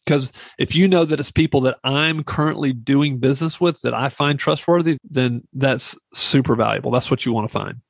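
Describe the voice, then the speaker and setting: A man's voice: on the high side, gravelly, no echo. A middle-aged man hosting a podcast, giving informal advice in a rambling, repetitive monologue. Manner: rambling, repeats phrases for emphasis. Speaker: real estate investing podcast host.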